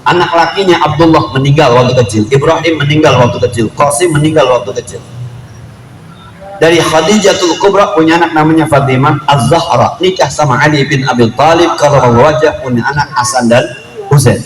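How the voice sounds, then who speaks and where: A man's voice: fairly high pitch, fairly quick. Joking preacher man. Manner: lively, joking storyteller who acts out quotes in slang. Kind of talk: storytelling sermon at a family celebration. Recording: echoey room with faint ambience.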